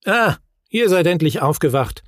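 A man voicing an offhand, brisk female troll aunt in a storybook reading. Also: on the high side, expressive, no room sound, clean studio sound, pitched above the performer's own voice.

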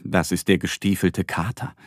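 A man voicing a friendly little moon man who guides the trip in a children's audio story, in a calm, kindly tone. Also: deep voice, moderate pace, no room sound, studio quality, pitched below the performer's own voice.

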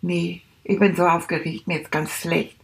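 A woman's voice: mid-range voice, expressive, unhurried. A woman voicing a small, timid male rat who is anxious and keeps repeating himself, in a children's audio story. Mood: nervous, fretful.

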